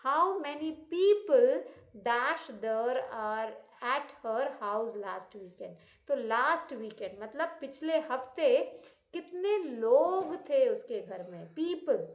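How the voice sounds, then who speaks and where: A woman teaching English grammar with an Indian accent. She explains in Hindi, reads English examples slowly, and asks the class questions that she answers herself. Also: sits high, expressive. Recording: echoey, dull lo-fi room sound.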